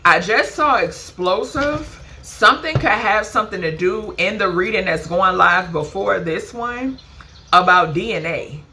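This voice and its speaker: With a lowish, sharp voice, a spiritual card reader chats emphatically through a casual channeled reading for her viewers. She tacks a questioning "okay?" onto almost every phrase, curses casually, and addresses people as "baby" and "honey."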